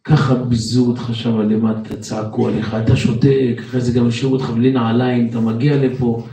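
A man's voice: medium pitch, flat delivery, dark tone, a little hiss or hum, close to an everyday voice. A man doing a generous wealthy businessman. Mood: curious. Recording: roomy echo, distant mic.

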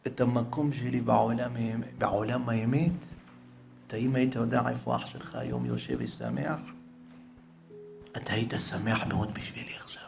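A man doing a gentle consoling rabbi. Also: medium pitch, expressive, creaky, soft background music, pitched below the performer's own voice. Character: gentle male rabbi, calm and consoling brother.

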